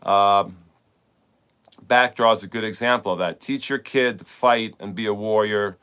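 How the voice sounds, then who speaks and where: Man with a smooth, lowish voice. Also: steady tone, measured pace, a bit bright. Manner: rambling, repeats words, frequent filler "like". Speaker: tennis coach and podcast host. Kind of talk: casual podcast monologue.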